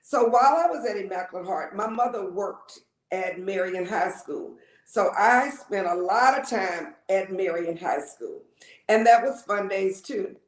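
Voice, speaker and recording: A woman's voice: medium pitch, expressive, a little slow. Woman, 50s, talkative guest, repeats herself, roomy echo. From Lake Charles, Louisiana. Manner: chatty, repeats words, frequent ums. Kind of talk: casual interview storytelling.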